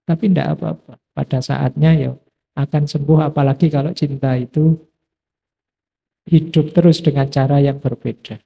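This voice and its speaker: A middle-aged man giving a relaxed philosophy study talk, answering imagined questions from his audience. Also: on the high side, normal speed, creaky, slightly rough, highs cut off. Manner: relaxed conversational teaching, quoting imagined questions. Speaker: lecturer.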